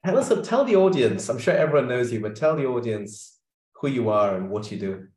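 A man's voice: mid-range voice, lively intonation, a little fast, darkish tone, reverberant. A middle-aged man hosting a podcast over a video call, chatty and playful, with short backchannels. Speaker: podcast host. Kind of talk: casual video-call interview.

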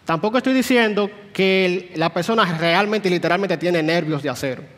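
A man's voice: sits high, fairly quick, fairly bright tone. A man teaching a Sunday school class in a church, explaining patiently and putting questions to the room. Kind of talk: church Bible class lecture. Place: church hall. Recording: long hall reverb.

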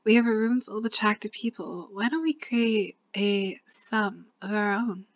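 A woman's voice: mid-range voice, moderate pace, no echo, highs cut off, close to an everyday voice. A woman reading a visual novel aloud, voicing a bored, seductive female killer in a made-up accent, with game music behind. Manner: languid, put-on foreign accent.

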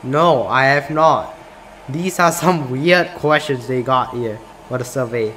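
A mid-range, fairly bright male voice, a little slow, with a touch of hiss or hum. The young Singaporean YouTuber plays a game on camera indoors in a small room, reading out its questions and reacting in a laid-back way with frequent "bro."

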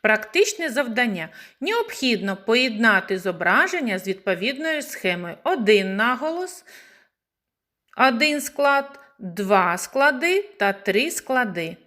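A woman preschool teacher giving a slow, clearly spoken lesson to young children, stretching words into syllables. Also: on the high side, big pitch swings, sharp tone.

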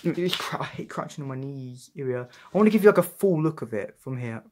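A young man chatting casually as he reviews a collectible figure, excitable and rambling with frequent restarts. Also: mid-range voice, fast, a little hiss or hum. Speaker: toy reviewer. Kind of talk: casual unboxing vlog.

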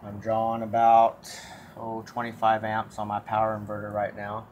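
Man, lowish voice, casual rambling talk, handheld camera, faint birds and outdoor hum behind. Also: completely flat delivery, moderate pace, a little mellow, muffled recording. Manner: plain, rambling, with many fillers and restarts. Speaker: solar hobbyist vlogger. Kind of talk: casual off-the-cuff demo.

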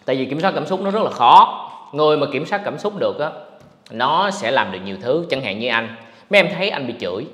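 A man hosting a casual livestream podcast, talking in an animated, ranting way to his viewers. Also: medium pitch, fast talker. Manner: animated, ranting, mocks others in put-on voices. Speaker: podcast host. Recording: echoey room with long reverb.

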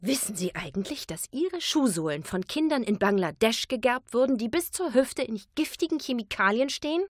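A woman's voice: fairly low pitch, normal speed, dry recording, clean studio sound. A woman voicing a fiery young bistro owner and single mother who speaks heatedly and indignantly.

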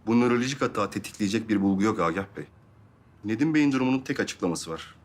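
Guy playing doctor calmly explaining a diagnosis, talks fast. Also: fairly low pitch, lightly acted. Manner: calm, measured. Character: calm hospital doctor briefing a patient's father.

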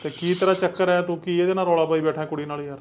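A man's voice: on the high side, fairly even intonation, quick pace, dull audio, a little hiss or hum, lightly acted. A middle-aged man playing a stern, protective village headman who scolds in a firm, fatherly way. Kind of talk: acted village drama dialogue.

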